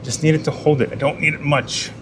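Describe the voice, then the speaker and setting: A garage channel host speaks at a quick pace in a fairly high voice with fairly even intonation, against a noisy background. He works while talking casually to himself and the viewers, with self-deprecating jokes, muttered asides and occasional whispers.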